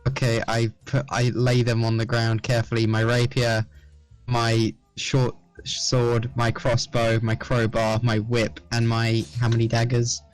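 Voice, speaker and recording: A man voicing his own character in a tabletop game, chatty and a little halting as he lists what he carries. The sound is dry, with quiet music playing behind him. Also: mid-range voice, completely flat delivery, no room sound, low-quality recording. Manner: chatty, listing items with pauses. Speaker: player. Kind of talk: in-character tabletop play over voice chat.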